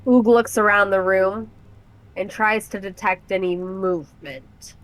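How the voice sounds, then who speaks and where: A woman's voice: medium pitch, steady tone, fairly bright tone, rough recording. Woman narrating her tabletop character. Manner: descriptive, halting with fillers. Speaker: player.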